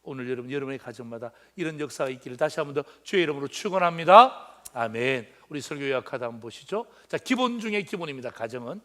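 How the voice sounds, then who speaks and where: A man in his fifties, a pastor preaching a sermon in a joking, animated way, swinging from loud exclamations to quiet asides. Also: mid-range voice, fast talker, hardly any pauses. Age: 50s.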